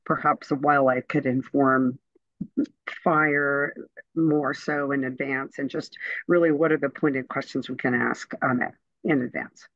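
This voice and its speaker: Measured man, dull dry audio. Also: mid-range voice, fairly even intonation, fairly bright tone, no echo. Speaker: workshop participant. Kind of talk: adding a point in an online meeting. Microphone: video call.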